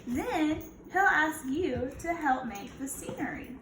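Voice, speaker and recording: Female kindergarten teacher, high-pitched, picture-book read-aloud with questions to the listeners, recorded in an echoey room. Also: expressive, slow pace, fairly bright tone. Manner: instructive, prompting listeners with questions. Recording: echoey room, clear background noise.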